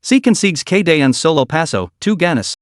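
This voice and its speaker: A man's voice: fairly high pitch, big pitch swings, moderate pace, dry recording, clean studio sound. A man reading the lines of a cocky three-year-old boy cultivator in a smug, taunting manner.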